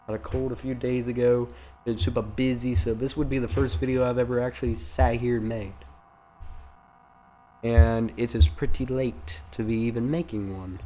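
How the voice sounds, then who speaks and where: Congested from a cold, a young man narrates a horror game on his channel in a warm, medium-pitched voice at a normal, steady pace. His let's play commentary swings from nervous rambling to panicky outbursts, and there's a little hiss or hum in the audio.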